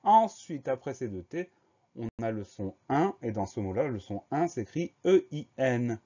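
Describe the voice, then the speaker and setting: A man teaching a French spelling lesson, slowly spelling each word letter by letter and explaining the grammar. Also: medium pitch, sing-song, warm tone, muffled recording. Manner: slow, methodical, spells words letter by letter.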